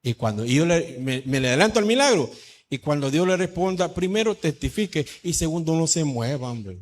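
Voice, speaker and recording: A middle-aged male pastor from El Salvador, preaching a lively sermon that swings from shouts to low asides. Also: fairly quick. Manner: animated preaching, shifts from shouts to low asides, says "hermano" often.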